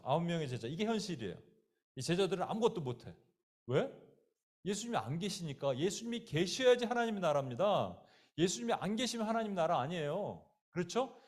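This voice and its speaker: The pastor's voice is high and slightly mellow as he preaches, acting out quotes while telling lively stories. He talks straight to the people listening and names both them and a child directly.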